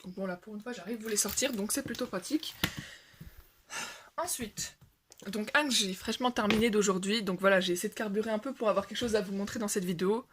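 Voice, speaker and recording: A woman's voice: medium pitch, fast, noisy background. Young adult woman, casual coloring-channel host, rambling and full of fillers. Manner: rambling, self-correcting, many fillers. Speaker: coloring video creator. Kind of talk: casual show-and-tell chat.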